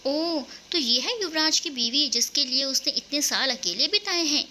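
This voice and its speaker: A woman's voice: high voice, animated, moderate pace, slight background noise, exaggerated voice. A woman playing a kindly older mother-in-law. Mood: fond. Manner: affectionate, gently commanding.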